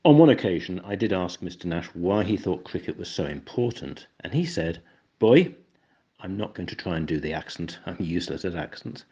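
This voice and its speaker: A man's voice: low-pitched, lively intonation, fairly quick, few pauses, mellow, husky, lo-fi sound. An older English man with an English accent, narrating an educational explainer in a wry, dry-humored way. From England.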